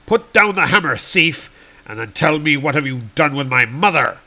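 A man voicing a proud, hot-tempered male god from a comic, speaking in booming archaic declarations. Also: expressive, normal speed, bright, forceful tone, full character voice, low-quality recording. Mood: angry commanding.

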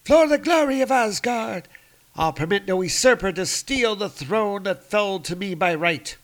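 Man voicing a spellbound warrior woman, haughty, high declaiming delivery. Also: lively intonation, unhurried.

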